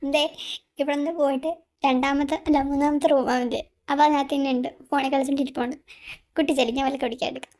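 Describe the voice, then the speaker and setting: A woman's voice: high voice, little pitch movement, fast talker, pitched above the performer's own voice. A woman voicing a kind middle-aged mother who fusses over a guest in an amateur audio drama. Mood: chatty. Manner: warm fussing hostess, soft and chatty.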